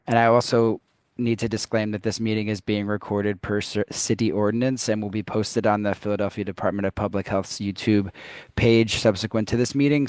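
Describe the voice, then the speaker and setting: Low-voiced man reading meeting disclaimers. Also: clean tone, no echo. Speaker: meeting staff. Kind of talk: procedural announcement.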